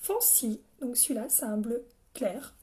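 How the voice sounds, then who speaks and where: Young woman, high voice, chatty live makeup tutorial, talks to viewers by name. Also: expressive, measured pace, background noise. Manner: chatty, addresses viewers by name, frequent coughs. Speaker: makeup seller training her team.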